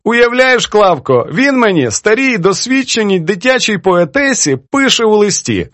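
A jolly elderly woman poet in a storybook, teasing her editor. She pitches high and lilts up and down. A male narrator acts her out in a dry, close voice. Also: sing-song, moderate pace, fairly bright tone, no room sound. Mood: mocking. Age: older. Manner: teasing, laughs easily.

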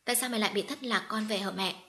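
Brief: woman reading an emotional young orphan girl in an audio story, choked voice, mid pitch. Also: quick pace, fairly bright tone, close to an everyday voice. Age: young adult. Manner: choked, sobbing.

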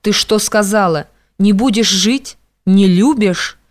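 A woman's voice: mid-range voice, slow pace, natural voice. A woman reading an audiobook, voicing a stern, domineering young man who speaks harshly and commandingly.

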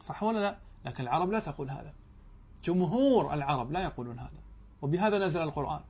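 A man's voice: a little high, animated, fast talker, a little mellow, breathy edge. A man teaching a classroom grammar lesson, asking his students questions and stressing key words. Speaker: religious teacher.

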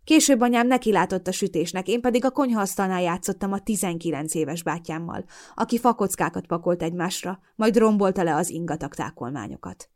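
A woman reading a first-person novel aloud as an audiobook, with expressive, emotional storytelling. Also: lowish voice. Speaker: audiobook narrator.

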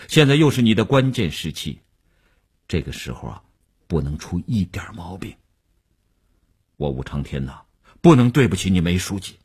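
A man playing a shrewd middle-aged businessman who talks in a slow, low, measured and persuasive way, with a husky voice. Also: darkish tone, heavily acted.

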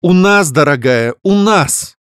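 Guy doing a squeaky chirpy young sister, fast and wheedling, dry sound. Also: animated, no echo, lightly acted. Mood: pleading, cold. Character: bubbly scheming young woman, the sister.

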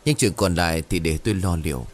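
A man voicing a desperate middle-aged village chief and worried father, in a deep, earnest, pleading tone. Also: quick pace.

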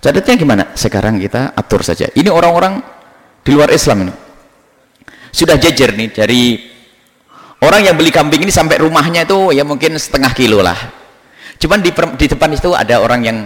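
A man's voice: a little high, fairly quick, pauses often. A man preaching a sermon, telling stories and mimicking the characters in them. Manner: animated storytelling, mimics characters in raised voice. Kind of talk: sermon with acted anecdotes. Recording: echoey hall recording.

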